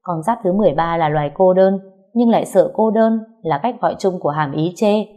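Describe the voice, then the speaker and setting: A woman's voice: fairly low pitch, a little fast, warm tone, close to an everyday voice. A woman voicing a brash, bossy young woman friend who scolds bluntly.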